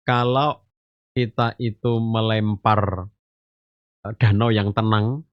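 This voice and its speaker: A man with a low, steady, clear and resonant voice speaks slowly on a podcast as an Islamic teacher giving a parenting talk. He explains through homely stories and analogies, addresses listeners as "ayah bunda" (fathers and mothers), and often says "gitu" and "eh." The recording is dry and slightly muffled, with no room sound.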